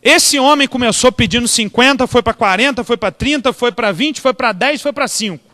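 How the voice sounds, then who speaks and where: A man's voice: very high-pitched, moderate pace, sharp tone. A Brazilian man preaching as a pastor, telling stories animatedly, acting out the dialogue and asking the congregation questions. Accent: Brazilian Portuguese. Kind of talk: storytelling sermon. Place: church. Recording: reverberant church hall.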